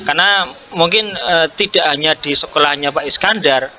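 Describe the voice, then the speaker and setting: A man's voice: a little high, normal speed, a crowd in the background. A man, coaching a fellow teacher in a hesitant, encouraging way, with many fillers. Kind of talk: coaching conversation practice.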